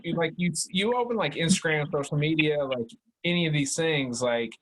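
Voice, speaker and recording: A man in his thirties with a fairly bright voice on the high side co-hosts a podcast at a moderate pace. He rambles through casual chat, stuffing every sentence with "like" and "dude" and swearing a lot.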